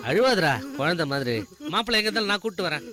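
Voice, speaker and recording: A man's voice: sits high, lively intonation, rapid-fire. An actor playing a distraught village father who sobs, pleads and scolds his daughter in a choked voice, in a film drama. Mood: anguished. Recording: film soundtrack under loud music.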